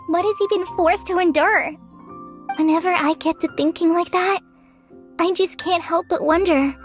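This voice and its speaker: A gentle young woman from a video game, high in pitch and full of troubled empathy. She speaks earnestly, with hesitant sighs, over clear background music.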